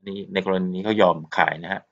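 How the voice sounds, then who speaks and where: Thai guy teaching english, thai accent, pretty low voice, slow, muffled recording. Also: fairly even intonation, vocal fry. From Thailand. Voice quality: slow, repeats polite particles, switches between Thai and English. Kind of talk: recorded textbook lesson.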